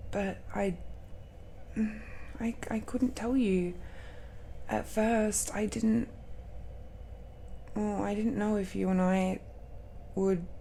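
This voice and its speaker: In a romantic audio roleplay, a woman plays a secretive, loving girlfriend with dragon blood. Her mid-range voice is warm and dark, and she talks very slowly, tenderly and hesitantly, pausing often in a reassuring mood. Light noise sits behind her.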